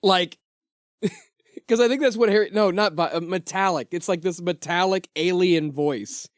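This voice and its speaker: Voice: medium pitch, dry recording. Podcast co-host, casual book chat, laughs a lot, dry close sound. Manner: quick, laughing, swears casually.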